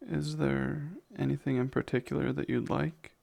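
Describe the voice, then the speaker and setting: In a soft ASMR roleplay, a man plays a gentle, protective vampire caretaker, sounding soothing, attentive, and a bit hesitant while using formal wording. His mid-range voice is flat in delivery, has vocal fry, and moves at a normal speed.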